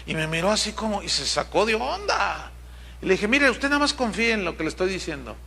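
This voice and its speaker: Man, pastor, animated sermon, high voice. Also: brisk, creaky, slight background noise. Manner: animated preaching, acts out quoted people.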